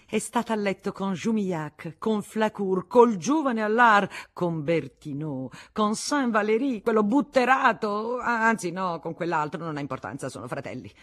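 A narrator voicing a bitter, scheming older spinster in a storybook reading, short of breath. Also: female voice, deep voice, expressive, moderate pace. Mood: ranting. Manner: vehement, spiteful, breathless outbursts. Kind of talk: audiobook character voice.

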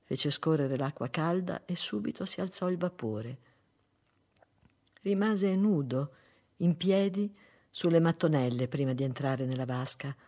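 A narrator reading a literary story aloud in a measured, unhurried way. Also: medium pitch, expressive, dark tone.

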